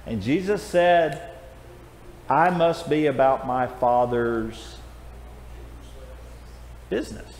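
A man's voice: mid-range voice, slow, pauses often, a little mellow. An older man teaching a children's Bible class, friendly and coaxing as he calls on the kids by name, in a church auditorium recorded from a far camera. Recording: echoey hall from afar with faint noise.

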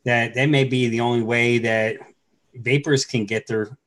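A man's voice: medium pitch, fairly even intonation, unhurried, a bit bright. A middle-aged man hosting a casual chat over a video call, talking in a laid-back, blunt way and swearing now and then. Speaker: host. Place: home room.

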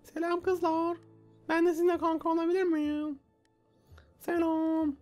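A man putting on a high falsetto voice to play a shy, lovestruck teenage anime schoolgirl in gameplay commentary. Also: completely flat delivery, unhurried, darkish tone, faint music behind. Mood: sweet greeting.

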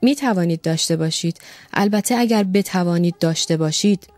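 A woman reading a calm, measured doctor. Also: fairly low pitch, faint music behind, natural voice.

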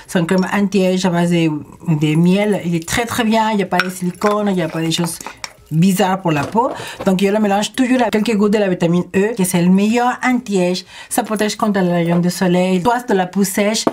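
A woman beauty vlogger talking viewers through a makeup tutorial in a casual, chatty and energetic way, speaking straight to her audience. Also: medium pitch, moderate pace, slight background noise. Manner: addresses viewers directly.

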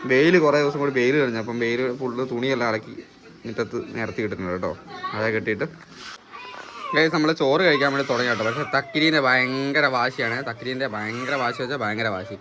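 A man's voice: mid-range voice, fast talker, noisy background. A man filming a casual family vlog at home, chatting to his viewers as guys and often tagging his lines with "you know.". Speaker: family vlogger.

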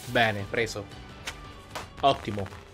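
A man's voice: on the low side, steady tone, takes it slowly, fairly bright tone. A man giving casual let's play commentary, thinking aloud and reacting as he plays. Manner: chatty, thinking aloud, exclamatory. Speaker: gaming YouTuber. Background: faint game music.

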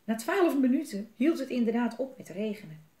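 A woman reading a children's book aloud in a lively, expressive way. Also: fairly high pitch, normal speed, echoey room. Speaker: storyteller.

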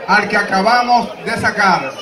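A man with a Dominican Spanish accent working as a livestock auctioneer, loudly and insistently calling bids, repeating figures and urging buyers on. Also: high voice, normal speed. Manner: loud, insistent, projecting to a crowd. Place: open-air livestock show ring among a crowd. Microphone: public-address microphone, picked up by a spectator's camera. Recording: echoing outdoor PA with crowd around.

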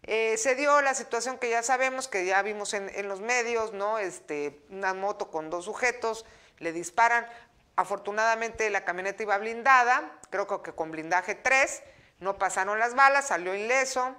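A woman's voice: mid-range voice, normal speed, sharp tone, smooth. A woman, hosting a live talk show and chatting in a loose, conversational way with many fillers. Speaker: show host.

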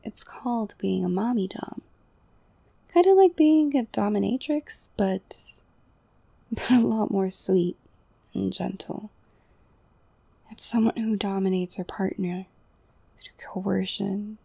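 A young woman whispering an intimate ASMR roleplay, slow and soothing, softly domineering and coaxing. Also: medium pitch, vocal fry, husky, dry recording. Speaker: audio roleplay performer.

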